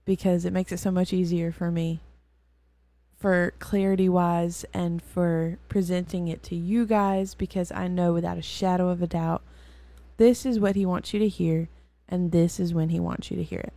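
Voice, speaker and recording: A woman's voice: on the low side, fairly even intonation, moderate pace, warm tone, no room sound. A weary woman hosting and giving a casual, rambling Bible lesson, full of fillers and self-corrections. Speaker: host and Bible teacher.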